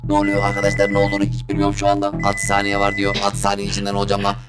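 Monster robot vacuum dude, super deep pitched-down voice, freaked out and begging for help. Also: male voice, monotone, rapid-fire, loud music behind the voice. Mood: bewildered. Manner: panicky, calling for help. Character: monstrous male robot vacuum cleaner, bewildered. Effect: pitched-down voice changer.

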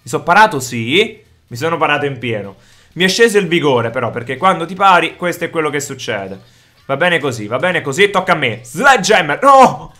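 Male gaming host, bright and somewhat high voice, hypes every fight with loud shouts. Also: a little fast. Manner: energetic, exclaims loudly during fights. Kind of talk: excited gameplay commentary.

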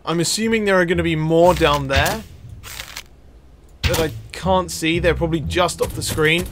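Speaking at a normal speed in a slightly high voice, a man hosts a gaming video and chats casually through a let's-play. He exclaims often and addresses the game's characters. The background is noisy, with video game music running underneath.

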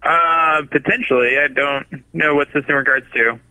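A man's voice: a little high, fairly even intonation, normal speed, sharp tone, no room sound. A man speaking politely as a store manager on a phone call. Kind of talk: polite customer service talk.

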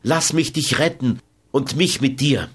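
A man's voice: mid-range voice, a little slow, breathy edge, voice pushed up. A man reading an audiobook, voicing a desperate young bandit who begs urgently. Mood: pleading. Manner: pleading, urgent. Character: desperate young soldier-turned-bandit, pleading lover. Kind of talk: audiobook character voice.

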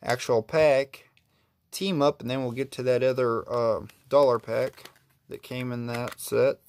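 Slow, gravelly man opening cards. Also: mid-range voice, steady tone, a little mellow, no echo. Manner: slow, easygoing, admiring each card aloud. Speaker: card pack opener. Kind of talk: casual unboxing commentary.

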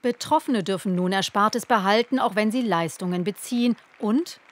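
A woman's voice: medium pitch, normal speed, noisy background. Woman voicing a news report. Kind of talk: scripted news report voice-over.

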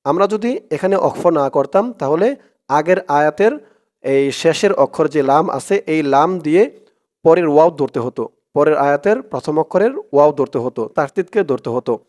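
A man with a Bangladeshi Bengali accent teaching Quran reading, spelling out letters and vowel marks one by one, then reciting each phrase slowly with long drawn-out vowels. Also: fairly high pitch, animated, a little mellow. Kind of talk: step-by-step Arabic reading lesson.

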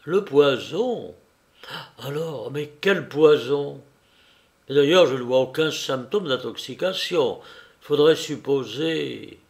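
A musing, worried country doctor, as the reader puts him on in a storybook reading. He ponders aloud with small hesitations, then speaks firmly. His voice sits somewhat high for a man. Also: lively intonation, slow. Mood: pondering.

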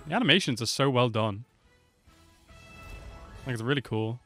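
Speaking into a close desk mic, this twenties-aged reaction video host offers casual commentary over game trailer music. His mid-range voice has lively intonation, a moderate pace, and a slightly bright quality.

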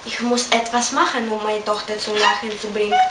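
A woman's voice: mid-range voice, fairly even intonation, brisk, very noisy, close to an everyday voice. A young woman with a Ukrainian accent playing a worried king who pleads with his weeping daughter, in a school play. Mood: pleading. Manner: pleading, earnest. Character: fussing, worried old king and father. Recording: echoey room from far off, music behind.

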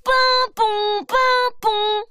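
A woman voicing Petit Ours Brun, an eager little boy bear cub, in a high, excited childlike voice. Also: very slow, exaggerated voice.

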